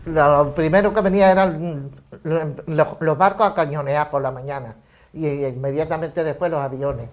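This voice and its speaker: A woman's voice: sits low, fairly even intonation, normal speed, a little mellow. Elderly woman telling her story steadily. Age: 80s or older. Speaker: survivor giving testimony. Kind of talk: documentary testimony.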